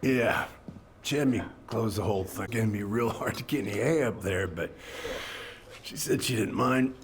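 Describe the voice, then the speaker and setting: An actor playing a gruff, middle-aged American boat captain, grieving and defensive, in a dramatic video game. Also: male voice, fairly low pitch, moderate pace, lightly acted. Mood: wistful, subdued.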